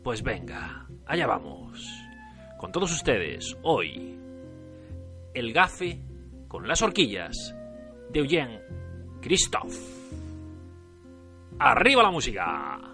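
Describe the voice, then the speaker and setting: A man's voice: medium pitch, huge pitch swings, takes it slowly, vocal fry, pauses often, music in the background. A man from northern Spain with a Spanish accent, presenting a story like a showman and addressing listeners directly. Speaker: podcast segment presenter, storyteller. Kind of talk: theatrical storytelling radio monologue.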